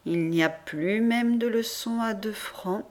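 Woman narrator for an audiobook, unhurried measured delivery, mid-range voice. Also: mid-range voice. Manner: slow, measured first-person reading with lively voiced quotes. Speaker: audiobook reader. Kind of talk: scripted narration.

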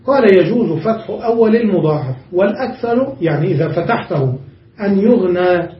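A high-pitched male teacher giving a grammar lecture, working through each rule patiently and pausing to ask his class whether they have understood. The recording is muffled and taken from a distance in a reverberant room. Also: animated. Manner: explains step by step, checks understanding with the class. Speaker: sheikh teaching Arabic grammar. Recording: dull, echoey room, distant mic.

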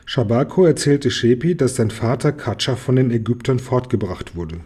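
A man calmly reading a children's book aloud. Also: medium pitch, moderate pace, breathy edge. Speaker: reader.

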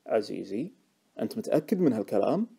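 A sly old trader who stays calm and dry, as a male audiobook reader plays him, answering in a Gulf Arabic accent. The reading is steady and lively in pitch, with a quick pace. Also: creaky, slightly rough, heavily acted. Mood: cool. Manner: cool, unhurried, dry. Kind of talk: audiobook character voice.

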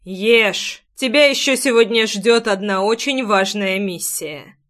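A woman's voice: medium pitch, slow pace, fairly bright tone. A woman voicing an ancient male fire dragon who gives short, cold commands. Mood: commanding. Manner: curt commanding orders.

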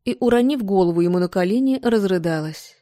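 A woman reading a novel aloud as an audiobook narrator, in a calm, even storytelling voice. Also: medium pitch, fairly quick, dry recording, studio quality.

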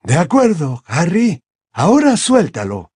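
A gentle, very old headmaster, as a male narrator puts him on, soothing yet firm. The voice sits high and breathy and moves slowly with a wide lilt, recorded dry and close. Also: wildly swooping pitch, no echo, heavily acted.

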